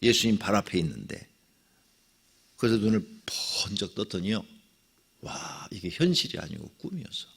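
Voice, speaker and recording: A middle-aged male pastor telling a personal testimony in a dawn prayer sermon, dramatic, with sudden swings between loud cries and near whispers. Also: fairly low pitch, big pitch swings, normal speed, vocal fry, pauses often, husky.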